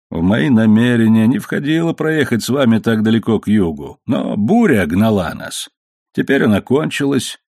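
A man's voice: medium pitch, a little mellow, no room sound, studio quality. A man voicing a sly bargaining sea captain. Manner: smooth and bargaining. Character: sly good-natured middle-aged ship captain.

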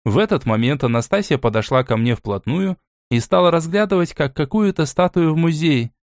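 A man reads a first-person fantasy audiobook in an even, steady narration. His voice sits somewhat high for a man. The sound is dry and close, with no room echo. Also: a little fast.

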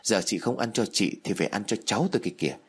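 A man's voice: fairly low pitch, very fast, slightly rough. A man reading the part of a scheming, spiteful old mother-in-law who scolds and sneers. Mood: coaxing.

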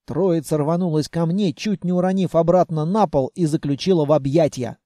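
A man narrating a fantasy audiobook in the first person, wry and animated. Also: a little high, moderate pace, no room sound, studio quality.

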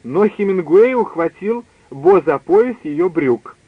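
A man narrating a story in a steady, measured reading. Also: high-pitched, slightly rough, no echo. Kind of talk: scripted audiobook reading. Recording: dry tinny phone-like line.

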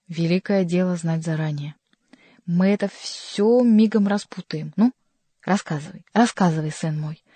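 A woman's voice: on the low side, unhurried, warm tone, no room sound. A woman voicing a sly male court jester who teases and mocks in an ironic manner, reading a storybook. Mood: mocking. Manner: teasing, ironic.

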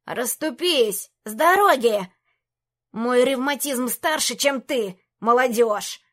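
A woman's voice: a little high, expressive, slow, fairly bright tone, full character voice. A woman voicing a grumpy old bearded court mage who scolds everyone around him. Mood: cranky scolding. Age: older. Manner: crotchety, bossy.

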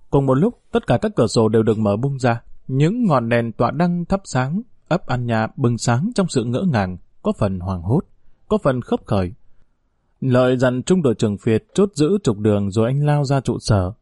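A male narrator reads a war story with steady storytelling. His voice is mellow and dark, recorded close and dry with no room sound. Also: medium pitch, moderate pace, dry recording. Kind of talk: audiobook narration.

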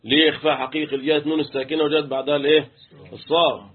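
In a tinny, phone-like recording, a man with an Egyptian Arabic accent leads an interactive tajweed lesson, quizzing his students and chanting letters. His voice is fairly high and slightly rough, and he races along with a flat delivery.

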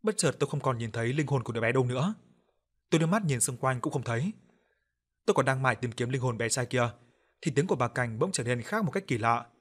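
A man reading a horror story in a steady, measured storytelling manner. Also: mid-range voice. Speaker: audiobook narrator. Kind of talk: scripted story narration.

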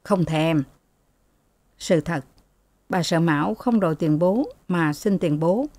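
A woman narrating a novel as an audiobook in a steady, even storytelling voice. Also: on the low side, a little slow, no room sound.

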